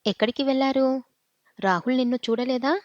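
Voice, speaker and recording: A woman's voice: high-pitched, a little fast, no room sound, close to an everyday voice. A woman voicing a firm middle-aged police inspector asking questions, in a dull, dry recording.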